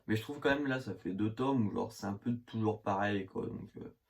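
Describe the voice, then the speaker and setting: A man's voice: lowish voice, moderate pace, creaky. A young man from the north of France with a northern French accent, chatting casually about his manga collection, rambling with lots of fillers and slang. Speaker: manga vlogger. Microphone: phone camera. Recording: phone recording with faint hiss.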